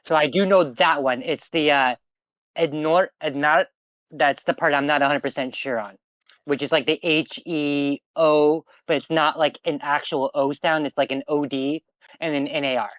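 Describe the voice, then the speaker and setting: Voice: medium pitch, steady tone, normal speed, a bit bright, no room sound, muffled recording. A game master explaining options to a player in a casual, rambling way, with plenty of fillers. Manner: explanatory, chatty, lots of fillers. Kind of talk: running a tabletop game on stream.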